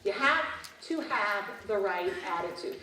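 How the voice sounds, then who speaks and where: A woman in her fifties giving a motivational keynote to a conference audience, animated and prompting the crowd with frequent questions. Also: mid-range voice, a little slow, a little hiss or hum. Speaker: keynote speaker. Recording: roomy hall, distant mic.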